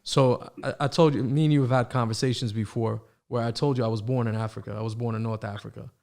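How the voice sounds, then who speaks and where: Male podcast host, born in Morocco, raised in the States. Relaxed, friendly, chatty. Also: mid-range voice, vocal fry. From born in Morocco, raised in the United States. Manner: relaxed, friendly, quick affirmations and "bro". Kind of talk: casual podcast conversation.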